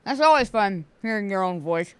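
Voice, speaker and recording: A middle-aged woman co-hosting a casual anime show, talking like an excited fan with exclamatory greetings. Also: mid-range voice, moderate pace. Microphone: close desk microphone.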